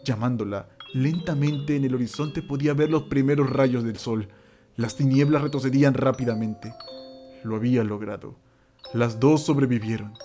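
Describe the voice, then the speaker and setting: The narrator, a man with a warm, mid-range voice, performs a scripted horror story with theatrical suspense. He leans on dramatic pauses while music plays underneath.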